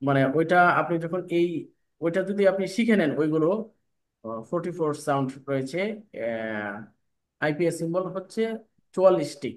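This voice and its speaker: A man's voice: fairly high pitch, moderate pace, pauses often. A man teaching a spoken English class, explaining step by step and checking often that students follow. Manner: explains step by step, asks "ঠিক আছে?" often. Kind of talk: online class lecture.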